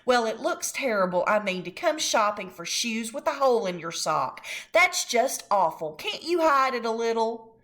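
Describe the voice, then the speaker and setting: A woman reads as a fussy storybook mother who worries over small things but lays down the law. Her voice is lively and lifts a little above the reader's own. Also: fairly high pitch, normal speed, voice pushed up. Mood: fretful. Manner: fretful but firm. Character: fussy, firm mother of two boys.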